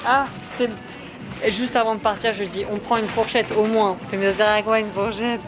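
A woman from France in her twenties vlogs in a medium-pitched, steady voice at a moderate pace, chatting casually and jokingly with frequent laughter. She roams streets and a supermarket, indoors and outside, with music and noisy shop and street sounds behind her, filmed on a handheld camera held low at arm's length.

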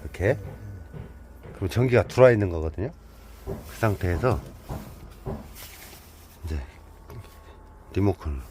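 Chatty man with a low, lively voice. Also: a little slow, long pauses, noisy background. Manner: joking, chatty, walks through steps aloud. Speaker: camper van dealer. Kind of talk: casual hands-on product walkthrough.

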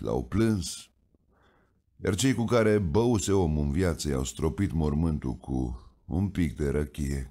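A man narrating a folk tale in an expressive storytelling manner. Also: a bass voice.

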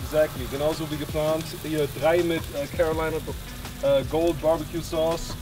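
A relaxed young man chats on an outdoor patio, his voice sitting a little high. He switches easily between German and English. Music plays underneath. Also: normal speed. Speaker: vlog host, football player. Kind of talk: casual chat.

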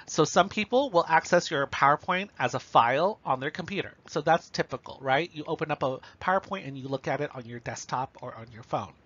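A man with a slightly higher voice delivers a recorded lecture, explaining each point plainly and checking in with "okay" and "right". The recording is a bit muffled and lo-fi. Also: brisk, hardly any pauses, fairly bright tone, breathy edge.

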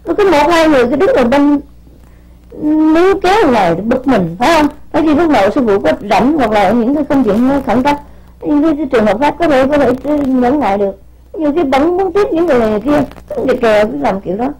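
A woman spiritual teacher scolds her disciples in an informal, unscripted sermon, speaking quickly in a high, darkish voice with lively intonation. She stumbles over repeated words and presses them with rhetorical questions. Soft music plays underneath a low-quality recording.

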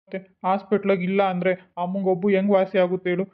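A man's voice: high-pitched, completely flat delivery, fast, lightly acted. A man voicing a young father in a cartoon, comforting his child patiently. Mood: soothing. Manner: soothing, patient. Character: caring young father, gentle and sad. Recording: tinny phone-like sound.

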